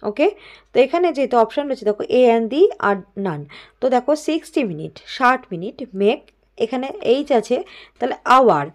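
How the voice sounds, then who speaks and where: A woman teacher, explaining grammar answers step by step and reading example sentences out slowly. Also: fairly high pitch, lively intonation. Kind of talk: exam-prep grammar lesson.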